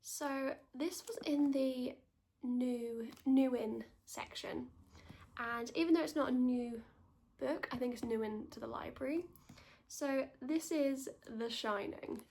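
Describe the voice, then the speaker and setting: A woman talking softly in a hushed, partly whispered library ASMR style, chatting about books as a reviewer. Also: high voice, slow pace, creaky. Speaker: book reviewer. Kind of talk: whispered ASMR book recommendations.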